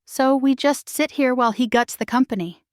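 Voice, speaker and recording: A woman's voice: sits high, moderate pace, no echo, clean studio sound, pitched above the performer's own voice, natural voice. A woman reading as a furious grown daughter. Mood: angry. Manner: heated, indignant. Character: angry adult daughter, fiery and impatient.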